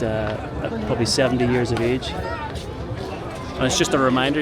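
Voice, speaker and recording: An Irish man narrating a casual travel vlog and chatting with locals outdoors in city streets, in a friendly, easygoing way. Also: mid-range voice. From Ireland. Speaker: travel vlogger. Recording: loud street noise outdoors.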